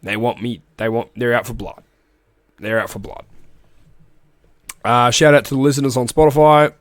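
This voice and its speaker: This rugby league podcast host is an Australian man speaking at normal speed in a mid-range voice, with no room sound on the recording. A cold leaves him phlegmy and prone to the odd cough. His casual recap is rambling and chatty, broken by restarts and side comments.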